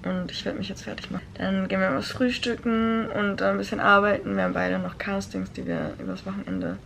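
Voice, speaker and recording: A woman's voice: medium pitch, level tone, fairly quick, creaky, fairly bright tone. A young woman in her twenties chatting casually into a handheld camera for her vlog, laughing often and dropping English phrases. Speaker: vlogger. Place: car, hotel room and outdoors. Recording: noisy handheld vlog audio.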